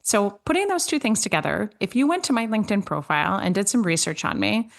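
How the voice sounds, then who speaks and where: A woman's voice: expressive, fast talker, creaky. Upbeat woman host with emphatic swings. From Switzerland. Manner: upbeat, emphatic, with big pitch jumps on key words. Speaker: podcast host. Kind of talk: podcast host recap and listener Q&A.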